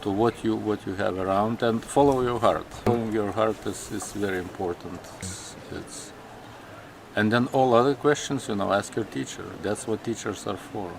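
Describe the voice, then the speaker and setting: A man from Lithuania with a Lithuanian accent, a native Lithuanian speaker, telling his story in an interview in slow, halting English full of restarts. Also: lowish voice, gravelly, a little hiss or hum. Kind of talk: personal interview.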